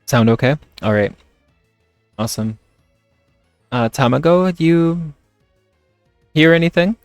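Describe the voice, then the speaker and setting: A man chatting casually on a livestream while playing a game, talking in a hesitant, halting way. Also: a little high, animated, no room sound, studio quality, soft background music. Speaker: streamer. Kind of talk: casual livestream chat over gameplay.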